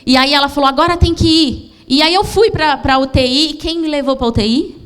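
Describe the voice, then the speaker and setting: A Brazilian woman pastor giving an emotional sermon testimony, often pausing and restarting as she tells her story. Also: high voice, fairly bright tone. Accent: Brazilian Portuguese. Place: church.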